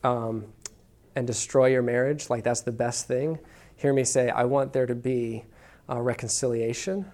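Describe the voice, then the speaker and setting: A man's voice: medium pitch, steady tone, moderate pace, darkish tone. A man preaching a sermon to a congregation in a casual, conversational way, often checking in with "okay?". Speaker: pastor. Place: church room with congregation.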